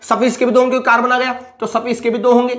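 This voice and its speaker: A man's voice: very high-pitched, level tone, rapid-fire, fairly bright tone. A male chemistry teacher recapping a lecture, who asks each question twice and then answers it himself.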